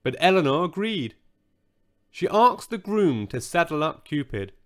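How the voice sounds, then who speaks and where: A man narrating a children's bedtime story audiobook in a gentle, expressive way. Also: a little high, measured pace.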